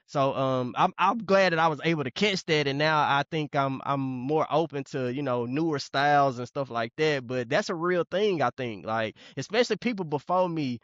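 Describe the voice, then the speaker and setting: Guy with a high voice chatting on a podcast, rambles a lot, dull dry sound. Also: moderate pace, hardly any pauses, fairly bright tone, dry recording. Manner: rambling, repeats words, many fillers. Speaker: podcast co-host. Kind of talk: casual chat.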